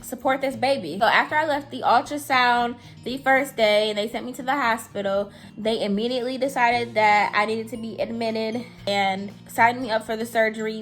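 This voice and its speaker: A young woman tells a personal story straight to camera in a loose, chatty way, leaning on "like" and "I'm telling you". She sounds anxious, and her voice sits at an ordinary mid pitch. Faint music plays underneath. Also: a bit bright. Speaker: vlogger. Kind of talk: casual storytime.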